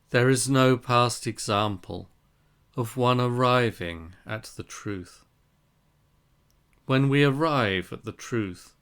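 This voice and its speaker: Slow, smooth-voiced man reading scripture. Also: lowish voice, a bit bright. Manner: measured, deliberate phrasing in short units. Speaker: reader of a Zen Buddhist text.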